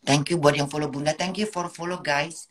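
A woman's voice: deep voice, fairly even intonation, normal speed. A woman, chatting casually on a phone live stream and reading viewer comments. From Indonesia. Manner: chatty, meandering, talks to viewers, refers to herself as Bunda. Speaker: livestream host.

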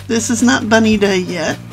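A woman's voice: a little high, measured pace, darkish tone, faint music behind. An older woman hosting a gaming channel, chatting casually as she plays and talking to the characters. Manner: chatty, talks to game characters. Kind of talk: casual gameplay commentary.

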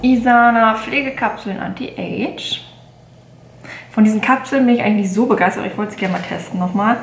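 A woman's voice: on the high side, a little fast, vocal fry, reverberant, a little hiss or hum. A woman in her late twenties chatting casually in a haul vlog, rambling with many fillers and self-corrections. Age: 20s. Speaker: beauty vlogger. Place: bedroom at home, indoors.

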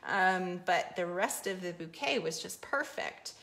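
A woman hosting a live painting lesson, chatting casually while she works on the canvas. Her voice is bright and clear, with an easygoing, loose way of explaining. She talks her viewers through each step as she goes. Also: fairly low pitch, expressive, unhurried.

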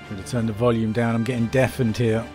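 A man's voice: medium pitch, flat delivery, fast, darkish tone, soft background music. A man giving casual gameplay commentary as he plays. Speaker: let's player commenting on a game.

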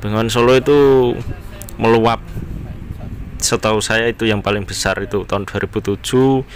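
Driving through town roads, this man talks conversationally to his viewers as friends, a car vlogger with an East Javanese accent from around Bojonegoro, Indonesia. His voice runs on the low side at a normal pace, and steady car, road, and traffic noise fills the background.

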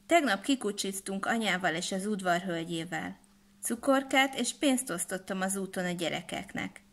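A woman voicing a shy, sad young princess girl who speaks softly and gently in a storybook reading. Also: medium pitch, lively intonation. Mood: wistful.

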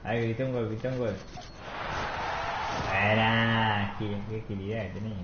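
Excitable Argentine gamer, roomy lo-fi. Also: male voice, on the low side, a little slow, heavy background noise. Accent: Argentine Spanish. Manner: excitable, talks to friends while playing. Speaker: gamer streamer. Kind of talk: casual gameplay chatter. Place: home room. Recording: roomy, dull lo-fi with loud game music.

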